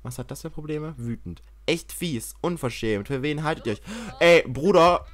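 A young man commentating a life-sim game he is playing, excitable and swearing, often yelling in mock outrage. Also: mid-range voice, moderate pace. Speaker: gaming YouTuber. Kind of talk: Let's Play commentary.

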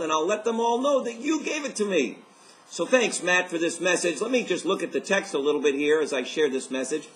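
A man's voice: a little high, fairly bright tone. A man in his fifties, a life coach hosting a motivational video message, speaking upbeat and enthusiastic straight to camera from his living room.

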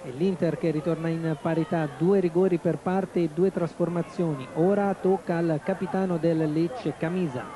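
A man giving live Italian football commentary on television, measured in the build-up and excited in his goal calls. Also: a little high, a crowd in the background. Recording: clear outdoor stadium noise. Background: stadium ambience.

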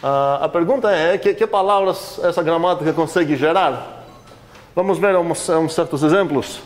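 Higher-pitched man lecturing a class. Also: normal speed. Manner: questions the class often, many fillers. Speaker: university lecturer. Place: university classroom.

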